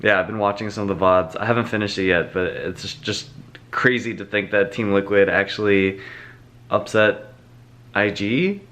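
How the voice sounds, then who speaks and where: A man's voice: lowish voice, fairly even intonation, normal speed, a bit bright. A young man chatting casually in a daily vlog, laid-back and rambling, with lots of fillers. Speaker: vlogger.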